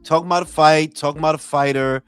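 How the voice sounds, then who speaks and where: A man's voice: fairly high pitch, fairly even intonation, fast talker, smooth, faint music behind. A man leading a casual boxing discussion in a slangy way, repeating phrases for emphasis. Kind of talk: casual chat.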